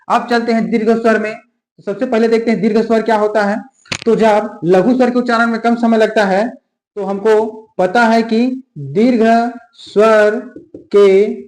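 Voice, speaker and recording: A man teaching an exam-prep grammar lesson, stretching key terms out word by word and checking in with the class constantly. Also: high-pitched. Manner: drawls key terms slowly word by word, adds frequent check-ins. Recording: echoey room.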